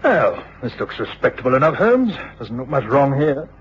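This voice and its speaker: An actor playing a plain-spoken, doubting but loyal police inspector in a radio drama, with an English accent. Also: male voice, medium pitch, very animated, normal speed, lightly acted. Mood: matter-of-fact. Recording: muffled, noisy old radio drama recording.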